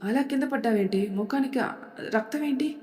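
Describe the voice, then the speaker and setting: Shrill, fawning aunt type, high and flustered , as a female narrator puts her on; long reverb. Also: normal speed, a little mellow, far from the mic, close to an everyday voice. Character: shrill middle-aged mother, fawning and scheming.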